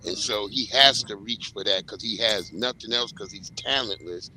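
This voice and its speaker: Bright, tense male panelist, angry profane rants. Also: fairly low pitch, moderate pace, slight background noise, poor audio. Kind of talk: heated podcast talk.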